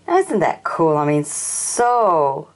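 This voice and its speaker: The audio is poor as an older woman with a low voice and big pitch swings takes her time showing off auction toy vehicles. Her casual show-and-tell narration, filmed at a sunny windowsill, includes questions aimed at the viewer.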